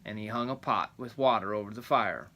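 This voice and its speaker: Rambling grandpa storyteller with a bright voice. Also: male voice, lowish voice, fairly quick, a little hiss or hum. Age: older. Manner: rambling, folksy asides and plain explanations. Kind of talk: rambling grandpa story time, reading a folk tale aloud.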